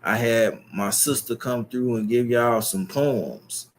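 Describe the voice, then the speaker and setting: A young YouTube streamer with a Chicago accent speaks slowly in a medium-pitched voice, addressing his viewers in a long, boastful, profane, rambling monologue. Slight background noise is present.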